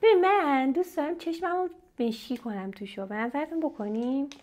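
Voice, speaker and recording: A woman's voice: sits high, slight background noise. A young woman from Iran chatting casually to viewers while testing makeup. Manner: chatty, animated, addresses viewers directly. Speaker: beauty vlogger. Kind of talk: casual makeup unboxing chat. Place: at home, seated in front of camera.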